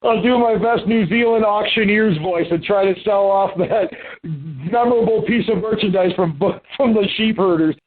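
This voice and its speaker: High voiced guy hosting a podcast, plugging stuff, phone-line tinny. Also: moderate pace, hardly any pauses, breathy edge. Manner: upbeat, promo-style pitching. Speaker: podcast host. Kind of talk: casual podcast chat.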